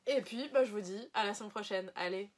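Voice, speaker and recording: Quick-paced and darkish in tone, this medium-pitched woman is an unboxing vlogger showing items to camera. She chats casually and rambles a bit, full of fillers and self-corrections.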